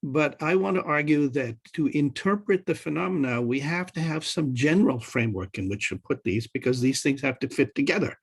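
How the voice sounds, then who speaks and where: Husky man lecturing over a video call. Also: fairly high pitch, lively intonation. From Pakistan. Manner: argumentative, lecturing, measured. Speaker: panelist economist. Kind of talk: academic panel talk.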